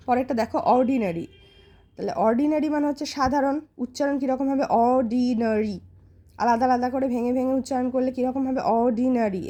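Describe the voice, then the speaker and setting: Patient woman teacher with a mellow voice. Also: a little high. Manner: patient, explains step by step and spells words out; slows down to read English example sentences. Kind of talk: classroom vocabulary lesson.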